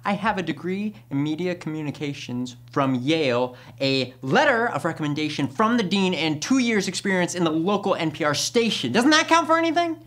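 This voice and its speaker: An actor playing an earnest male job applicant in a comedy sketch, talking deadpan and growing indignant. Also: a little high, normal speed, few pauses. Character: earnest male job seeker, proud of credentials.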